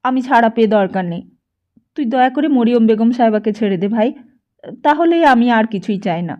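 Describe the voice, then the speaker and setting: A woman's voice: fairly high pitch, animated, normal speed, lo-fi sound, natural voice. A woman reading an audiobook, voicing a young man tied up and pleading urgently for another's release.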